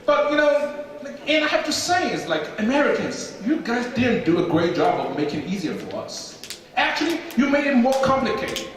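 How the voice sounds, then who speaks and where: A young man from China, speaking with a Chinese accent, performs stand-up on a theater stage and acts out the people in his animated stories. His voice is very high and moderately paced, picked up by a distant mic in an echoey hall.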